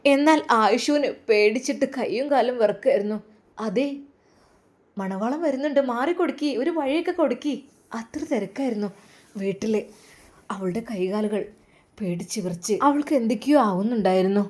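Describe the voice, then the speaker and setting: A woman's voice: on the high side, expressive, moderate pace, darkish tone. A woman narrating a romantic wedding story with feeling and lingering phrasing, speaking with a Malabar Malayalam accent.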